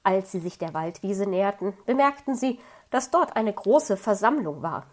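A woman's voice: medium pitch, expressive, moderate pace. Woman reading a children's story. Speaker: narrator.

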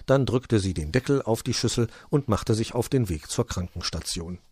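A man reading a children's story aloud as narrator, expressive. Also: fairly low pitch, normal speed, husky, no room sound.

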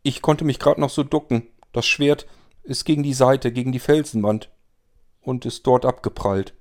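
A man's voice: medium pitch, fairly even intonation, normal speed, darkish tone, voice pushed up, natural voice. A man voicing a frightened young woman in a read-aloud story, telling her account in an insistent, breathless way. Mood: agitated.

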